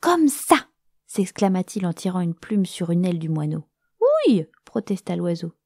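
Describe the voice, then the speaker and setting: A woman storyteller narrating a children's story in a gentle, expressive way, sometimes dropping to a whisper. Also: fairly low pitch, a little fast, gravelly, no echo, studio quality.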